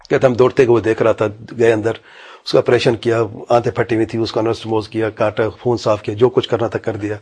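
A man preaching in a storytelling way, retelling anecdotes through quoted dialogue and sometimes dropping into low, quiet asides. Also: breathy edge. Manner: mixes English medical terms into his speech. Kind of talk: sermon storytelling.

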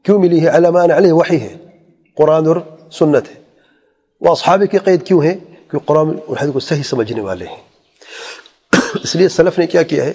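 A man preaching with a slightly husky, breathy voice, his words carrying a long echo as if in a large hall. He speaks earnestly, often lifting his voice into rhetorical questions and weaving in Arabic quotations. His pitch sits in an ordinary middle range. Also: dark tone. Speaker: Islamic preacher. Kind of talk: religious lecture.

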